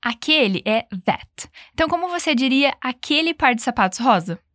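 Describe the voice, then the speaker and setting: A young Brazilian woman teaching an English lesson, saying phrases slowly and patiently for the learner to repeat. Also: high-pitched, animated, a bit bright, dry recording, clean studio sound. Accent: Brazilian Portuguese. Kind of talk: language lesson.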